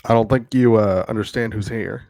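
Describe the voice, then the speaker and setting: A man's voice: on the low side, steady tone, fairly quick, darkish tone, no room sound. A man playing a tabletop game, speaking casually in character with a polite, questioning way of talking. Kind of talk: casual in-character role-play.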